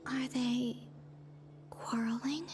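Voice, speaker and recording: A woman voicing a gentle, naive young goddess in a video game, soft and often breathy as she muses. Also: on the high side, fairly even intonation, slow pace. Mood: curious, hushed. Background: music.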